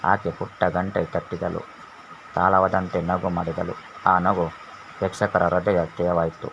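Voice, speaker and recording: A man narrating a serialized story in a measured, unhurried reading. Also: deep voice, level tone, vocal fry, fairly bright tone. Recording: dull lo-fi with faint hiss.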